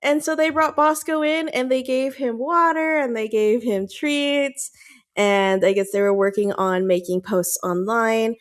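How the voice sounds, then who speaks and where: As a guest on a podcast, a woman who owns a dog chats casually in a rambling, affectionate way with plenty of fillers. Her voice sits fairly high and she takes her time.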